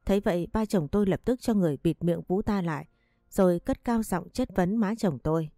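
A woman reading a family drama story aloud in a steady storytelling voice. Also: on the low side, a little fast, no room sound. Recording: dry close voice with faint music behind.

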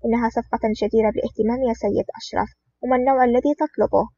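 A reader voicing a scheming male crime boss in an audiobook, in a measured, smooth manner. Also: medium pitch, fairly even intonation, dark tone. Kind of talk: audiobook reading. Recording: dull lo-fi recording.

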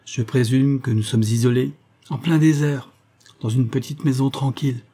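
A man's voice: medium pitch, moderate pace, mellow, slightly rough, natural voice. A man doing James, a fervent young hero. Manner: fervent, exalted.

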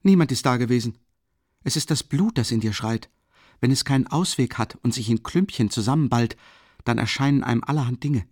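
A man's voice: mid-range voice, fairly quick, darkish tone, no room sound, studio quality, pitched above the performer's own voice, natural voice. A man voicing a young peasant maid in an audiobook, blunt and stern, speaking plainly and decidedly. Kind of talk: audiobook character voice.

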